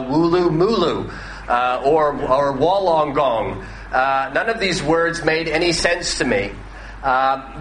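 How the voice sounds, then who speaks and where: An American pastor in his thirties from the northwestern United States preaches a sermon in a relaxed, conversational style. He often pauses on "uh" and restarts sentences. His voice is fairly high, bright and forward, ringing through a large, echoey hall with a faint noise floor.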